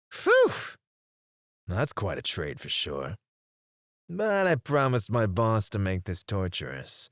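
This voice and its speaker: A man performs an ASMR roleplay as a menacing mercenary interrogator with a mocking mood. Speaking low and taunting right at the mic, he sometimes falls to a whisper, with no echo in the recording.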